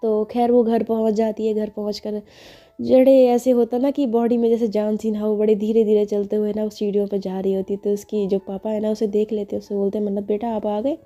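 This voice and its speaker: A woman telling a story in a relaxed, chatty way, her voice dark and mellow. Her melody stays flat, and faint music plays underneath. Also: medium pitch, brisk. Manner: chatty, conversational, sprinkled with asides. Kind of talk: casual story narration.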